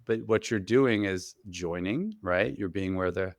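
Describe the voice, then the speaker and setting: A talkative man hosts a parenting podcast with a gravelly, somewhat low voice. He talks in an energetic, enthusiastic way and is quick to praise. The sound is dry and close to the mic. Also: dry recording. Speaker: podcast host and therapist. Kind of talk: casual podcast conversation.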